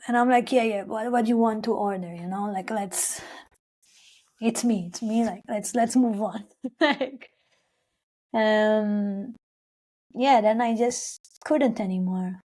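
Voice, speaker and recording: Slightly high and a bit mellow, this young woman takes her time as she speaks. She's an Israeli-Palestinian singer who grew up with Hebrew and is recounting her story in English for an interview. Her talk meanders, full of fillers and restarts, and she plays out what she said back then.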